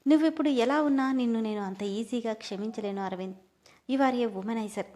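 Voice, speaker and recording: A woman's voice: fairly high pitch, moderate pace, warm tone, lightly acted. A woman reading the lines of a hurt, angry young wife in a storybook, sounding tearful and accusing.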